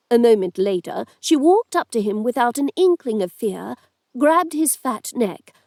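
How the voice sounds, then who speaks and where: A woman narrating an audiobook in a steady, measured reading voice. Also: fairly high pitch, creaky, dry recording, clean studio sound. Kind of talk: scripted narration.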